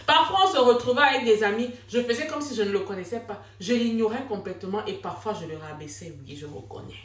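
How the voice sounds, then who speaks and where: A young woman telling her own story in casual talk, dramatic and animated, with sudden exclamations. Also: a little high, fast, recorded from a distance. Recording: echoey room, a bit off mic.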